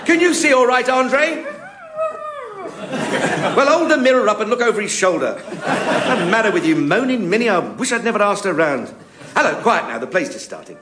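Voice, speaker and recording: Pompous grumbly know-all, high-ish voice, old roomy radio sound with music. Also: male voice, very animated, moderate pace, pauses often, heavy background noise. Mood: grumbling. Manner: grumbling, sarcastic, easily carried away. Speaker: lead comedian. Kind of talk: 1950s radio comedy acting.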